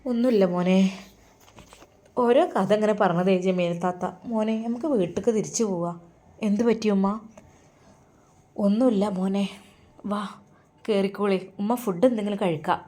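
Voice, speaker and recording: A woman's voice: medium pitch, normal speed, long pauses, mellow, natural voice. Woman voicing a soothing older mother. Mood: reassuring. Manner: soothing, coaxing. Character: tender, worried older mother.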